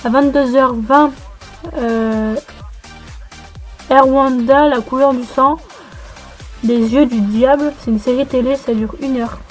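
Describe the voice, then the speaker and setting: A woman's voice: high-pitched, fairly even intonation, slow pace, long pauses, darkish tone, faint music behind. A young woman co-hosting an amateur radio show, reading the TV listings casually and teasing her co-hosts. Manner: teasing, hesitant with fillers. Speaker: radio co-host.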